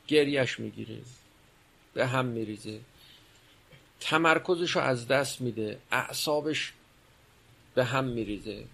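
A man's voice: on the high side, vocal fry, bright, forceful tone. A man giving a religious lecture, explaining and posing rhetorical questions. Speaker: religious speaker.

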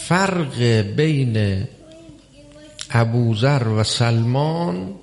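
A man preaching a religious sermon, measured and emphatic, with long pauses between phrases. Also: mid-range voice, animated, gravelly, a little mellow. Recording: long hall reverb.

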